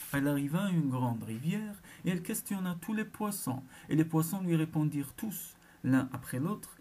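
Mellow, dark-toned storyteller reading a folk tale. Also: mid-range voice, husky. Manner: expressive, unhurried storytelling. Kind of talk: read-aloud folk tale narration.

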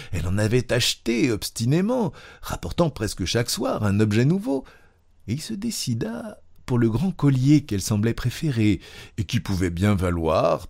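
A man narrating a classic story aloud in a measured, expressive reading. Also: fairly low pitch, vocal fry. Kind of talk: literary reading.

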